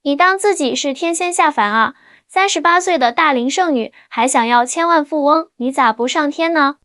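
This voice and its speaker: A woman's voice: high voice, normal speed, fairly bright tone, no room sound, studio quality. A woman voicing a combative divorced middle-aged man who mocks with blunt retorts. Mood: scornful.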